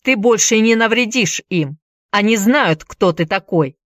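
A woman voicing a desperate young man who shouts urgent, defiant demands. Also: medium pitch, animated, measured pace, no room sound, studio quality, pitched above the performer's own voice, close to an everyday voice. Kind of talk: audiobook character reading.

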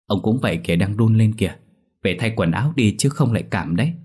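A man voicing a cheeky young grandson who scares easily, often shouting in panic, in a spoken ghost story. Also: lowish voice, animated, fast talker, slightly rough. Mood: cheeky pleading.

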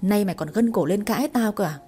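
A woman's voice: mid-range voice, quick pace, warm tone, husky, soft background music, natural voice. A woman putting on a harsh, cruel father. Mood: harsh scolding. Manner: harsh, scolding, insulting. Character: cruel abusive rural father, gambler, harsh.

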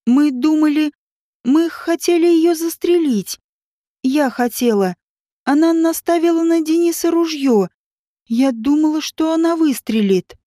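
A woman's voice: sits high, expressive, takes it slowly, a little mellow, no room sound, clean studio sound. A woman voicing a panicky young woman. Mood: shaken.

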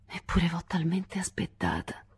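A woman's voice: lowish voice, big pitch swings, fairly quick, darkish tone, slightly rough, voice pushed up, full character voice. A woman reading a bitter, irritable man. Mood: tender. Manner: curt and irritated, then suddenly tender. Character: resentful American man, the narrator's lover. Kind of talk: audiobook reading of a novel.

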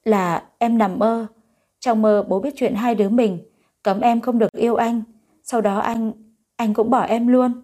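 A woman's voice: on the high side, steady tone, measured pace, warm tone. A woman voicing a stubborn, emotional young woman in an audio story, speaking in a pleading way. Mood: tearful.

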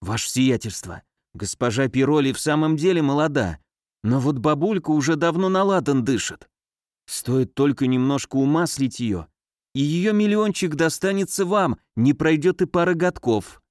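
A man voicing a sly notary who reads out a will in a measured, official manner. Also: a little high, animated, no room sound, studio quality, lightly acted. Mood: formal.

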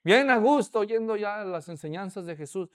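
A man preaching a sermon in a lively storytelling way, asking the audience rhetorical questions. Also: high voice, normal speed.

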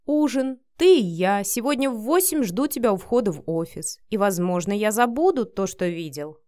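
A woman's voice: mid-range voice, animated, normal speed, a little mellow, no room sound, studio quality, lightly acted. Woman voicing a snarling domineering boss. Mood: menacing. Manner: growling, curt and menacing. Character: domineering harsh male office boss. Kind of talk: audiobook character voice.

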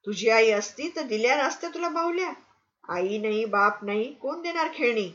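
A sharp-tongued, middle-aged innkeeper's wife, as a woman reader puts her on, nagging and insulting in a shrill, raised voice. She sits a little above the reader's usual pitch. A dull, lo-fi storybook recording. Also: lively intonation, moderate pace. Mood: scolding.

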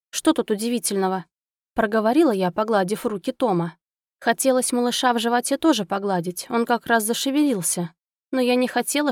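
Expressive woman reading an audiobook. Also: on the high side, no echo, studio quality. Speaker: audiobook narrator. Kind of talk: scripted first-person audiobook narration.

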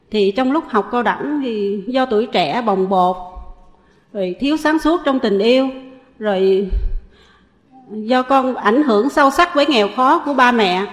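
A middle-aged woman with a southern Vietnamese accent, earnestly confessing her past in a halting way with frequent pauses. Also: on the high side, big-room sound. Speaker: testifying lay Buddhist. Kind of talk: personal confession.

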